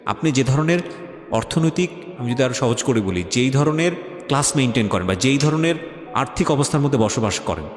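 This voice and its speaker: This Bangladeshi-accented radio host speaks briskly and expressively at medium pitch, advising his interviewee in an insistent, emphatic, argumentative manner and mixing in English. The sound has echoey hall reverb over faint music.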